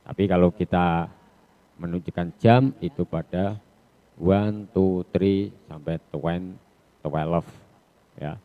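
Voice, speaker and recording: Slow, deep-voiced Indonesian-accented man teaching. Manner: mixes Indonesian and English, slow explanations with hesitant restarts. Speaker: English teacher. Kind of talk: online class lecture. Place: home or classroom on a video call. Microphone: video call. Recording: dull lo-fi video call audio.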